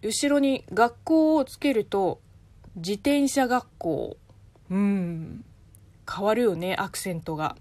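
A woman's voice: unhurried, no echo. A woman from China with a light Chinese accent, hosting a casual solo radio talk and answering listener questions with spoken examples. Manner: chatty, explains with spoken examples, lively pitch swings.

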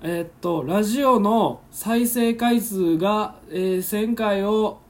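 A man's voice: high voice, slow, a little mellow. A man with a Kansai accent hosting a casual solo radio chat, reading listener letters and acting out awkward moments with lots of laughter. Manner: chatty, laughing often, acts out awkward moments. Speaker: podcast host. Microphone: phone, streaming live while recording.

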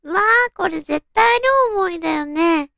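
Very high, cute anime-girl voice, woman host. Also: measured pace, vocal fry, fairly bright tone, dry recording, studio quality. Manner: cute, girlish, sweetly addressing listeners. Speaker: radio show host. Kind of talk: soft-hearted radio talk and read-out listener love stories.

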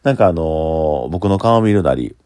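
A man's voice: extremely low pitch, lively intonation, moderate pace, darkish tone, clean tone, no room sound, clean studio sound. A man with a Kansai accent, a standing bar owner, talking casually on his own in a blunt, opinionated way. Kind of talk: casual solo talk.

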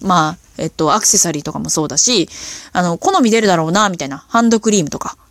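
A woman hosting a casual solo talk, telling stories in an animated, chatty way with lots of fillers. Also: fairly low pitch, quick pace, no room sound, clean studio sound. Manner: animated storytelling with impressions. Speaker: podcast host.

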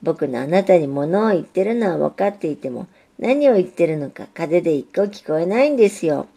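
A woman's voice: lowish voice, lively intonation, brisk, vocal fry, warm tone, breathy edge, heavily acted. A woman voicing an earnest, lovesick young male railway signal in a storybook reading, pleading and eager. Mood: confiding. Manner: pleading, eager, repeats himself.

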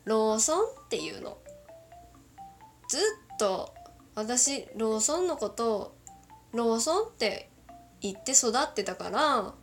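A woman's voice: a little high, lively intonation, slow, pauses often, soft background music. A woman from Kagoshima with a mixed northern Kyushu accent, rambling through a casual solo chat and giggling often. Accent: northern Kyushu Japanese. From Kagoshima, Japan.

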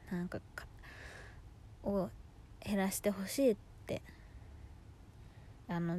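A woman in her twenties chatting casually in slangy gyaru, valley-girl style, telling stories in an animated, exasperated way as she hosts a personal audio diary. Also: medium pitch. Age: 20s. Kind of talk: casual chat, venting monologue.

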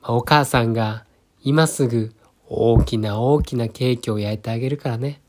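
A man's voice: normal speed, darkish tone, close to an everyday voice. A man voicing a fussy mother bird who scolds her chick firmly. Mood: gentle. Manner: firm scolding, raised pitch.

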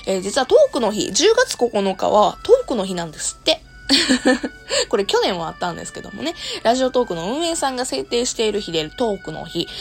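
A woman with a Kansai accent and a hoarse, worn-out voice, chatting casually to listeners as a show host and often laughing. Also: medium pitch. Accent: Kansai Japanese. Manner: laughs often while talking. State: hoarse, worn voice after long streaming. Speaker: host of an audio talk show and live streamer. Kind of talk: casual solo talk to listeners.

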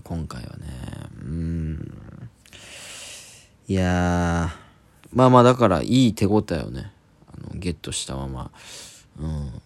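A man's voice: sits low, a little mellow, no room sound. A young man, a comedian hosting a solo talk podcast, chatting casually and rambling with many fillers.

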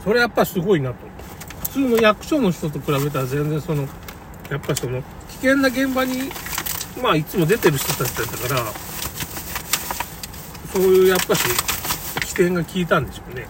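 A man's voice: high voice, big pitch swings, brisk, pauses often. A man giving a casual, unscripted monologue in a rambling, opinionated and conversational way. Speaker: commentator recounting a local flood. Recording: noisy, distant mic, car and outdoor ambience.

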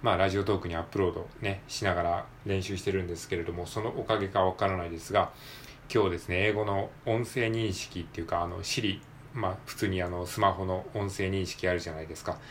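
Man, lower register, casual self-study drill, repeats words slowly with fillers. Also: steady tone, fairly bright tone, a little hiss or hum. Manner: thinks aloud with many fillers. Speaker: English learner practicing pronunciation. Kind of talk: casual solo reading-aloud practice.

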